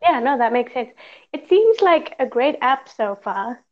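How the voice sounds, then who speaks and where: A woman's voice: sits high, very animated, a little slow. A woman with a Zimbabwean accent, chatting casually in a frank, lightly amused way. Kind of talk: casual chat. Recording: dull lo-fi app call audio.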